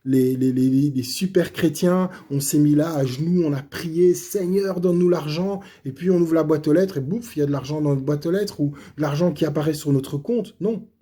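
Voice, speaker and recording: Speaking a little high and with a mellow quality, a middle-aged man gives a personal testimony of faith. He is slightly hoarse, and he halts, restarts and uses fillers throughout in a casual manner.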